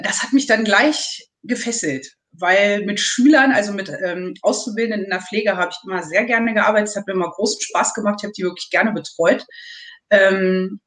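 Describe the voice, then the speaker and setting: A woman in her thirties, a nursing student, talking hesitantly and at length in a casual interview over a call. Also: mid-range voice. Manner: rambling, hesitant with many pauses. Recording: echoey room.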